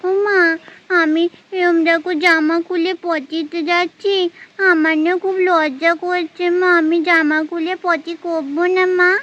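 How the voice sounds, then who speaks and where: A woman's voice: very high-pitched, fairly even intonation, measured pace, fairly bright tone, dull audio. A woman voicing a shy little girl in a doll story who whines and pleads with her mother. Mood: bashful. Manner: whining, pleading.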